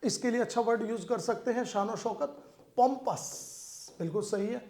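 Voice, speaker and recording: A man's voice: extremely high pitch, moderate pace, darkish tone, a little hiss or hum. A man with an Indian accent teaching English vocabulary for competitive exams. He explains word meanings in Hindi mixed with English and keeps checking in with "theek hai". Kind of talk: exam-prep vocabulary lesson.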